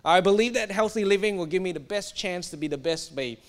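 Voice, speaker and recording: A young man from Singapore delivers a sermon in a high, light voice. He talks with emphatic energy, often stumbling and repeating words before pushing on. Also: fairly quick. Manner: animated, emphatic, with stumbles and restarts. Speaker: preacher.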